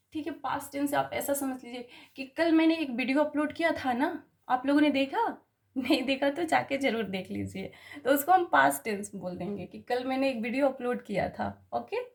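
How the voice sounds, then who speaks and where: A woman's voice: high-pitched, vocal fry. A woman teaching a grammar lesson, explaining patiently, spelling words out letter by letter and checking with "okay?" after each point. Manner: explains patiently, keeps asking "ठीक है?".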